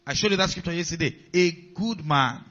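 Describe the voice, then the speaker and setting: This pastor delivers his sermon at a fairly quick clip, his voice pitched fairly high and a bit bright. Key lines come back again and again, and he keeps calling out to the congregation. The audio has a dull, lo-fi quality.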